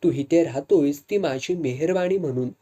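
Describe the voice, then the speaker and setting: A woman's voice: deep voice, normal speed, warm tone, husky, dull audio. Woman voicing a firm older sister. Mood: stern. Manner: firm, stern.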